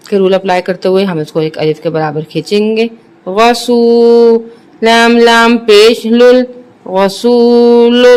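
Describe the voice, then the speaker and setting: A patient teacher with a Pakistani Urdu accent stretches each syllable in slow, careful drills, then drops into brisk, lower explanations of the rules. The voice is smooth and resonant, and its pitch sits in an ordinary middle range. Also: a little mellow. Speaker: Quran reading teacher. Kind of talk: slow letter-by-letter recitation drills with quick explanations.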